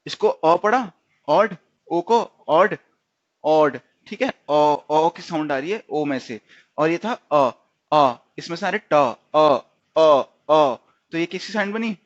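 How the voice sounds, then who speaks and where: A man's voice: on the high side, lively intonation, measured pace. A man teaching stenography in a recorded tutorial, often repeating words and quizzing himself. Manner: repeats and quizzes himself, frequent "theek hai". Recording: dull lo-fi recording.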